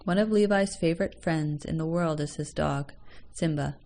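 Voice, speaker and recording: A woman reading a children's story aloud in a gentle, measured way. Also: low-pitched. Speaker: story reader.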